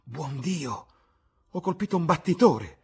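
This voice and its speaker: A man reading aloud, voicing an aristocratic man who shouts in alarm during a hunt. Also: mid-range voice, big pitch swings, moderate pace, husky, voice pushed up. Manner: loud, exclaiming, raised voice.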